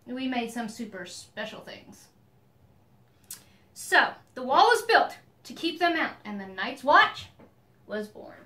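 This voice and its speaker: Bright, high-voiced chatty woman. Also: very animated, takes it slowly, long pauses. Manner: chatty, laughs often, playful narration. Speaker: co-host. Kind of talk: casual chat.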